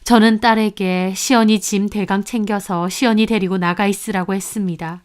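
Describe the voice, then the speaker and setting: A woman narrating a first-person family story in a calm, confessional storytelling manner. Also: medium pitch, moderate pace, smooth.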